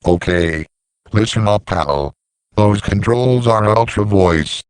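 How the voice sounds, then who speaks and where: A man voicing scripted dialogue for an animated story about talking machines. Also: on the low side, takes it slowly, heavy background noise. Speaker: voice of talking siren characters.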